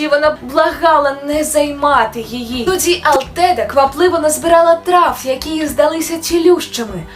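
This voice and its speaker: High-voiced woman reading a fairy tale. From Ukraine. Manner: gentle, expressive storytelling. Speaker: storyteller. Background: soft music.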